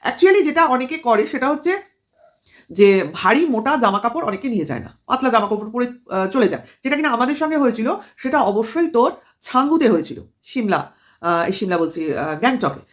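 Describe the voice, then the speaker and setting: A woman's voice: fairly high pitch, sing-song, brisk. A woman vlogger giving a scolding, mocking commentary full of rhetorical questions. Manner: scolding and mocking, addresses rival as tui. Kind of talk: commentary vlog.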